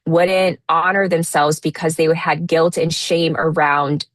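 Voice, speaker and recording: A woman in her thirties with a low voice talks through her answers as an interview guest. She is reflective and often restarts her sentences with fillers. The sound is dry and close. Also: steady tone, a little slow, fairly bright tone, dry recording. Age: 30s. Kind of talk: casual interview talk.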